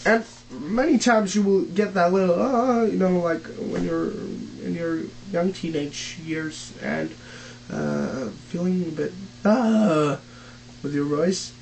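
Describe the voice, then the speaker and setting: Slow, hesitant young man, non-native English. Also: high voice, big pitch swings, vocal fry, a little hiss or hum, poor audio. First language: not English. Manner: halting, many fillers and restarts, non-native phrasing. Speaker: vocal technique teacher. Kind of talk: casual home tutorial.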